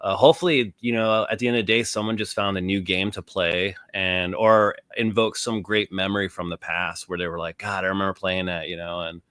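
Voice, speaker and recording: A man in his forties with a lowish voice, chatting as a livestream guest. He speaks in a halting, loose way, stopping and restarting often and dropping in "man". The sound is dry and close. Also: fairly even intonation, a bit bright, dry recording. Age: 40s. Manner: halting, many fillers, says "man" often. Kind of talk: casual livestream chat.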